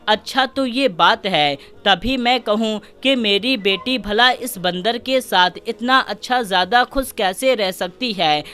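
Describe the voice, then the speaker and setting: A woman voicing a meddling queen mother in a folk tale, muttering her schemes in a lowered voice. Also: few pauses, fairly bright tone, clear, resonant tone, close to an everyday voice. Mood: scheming.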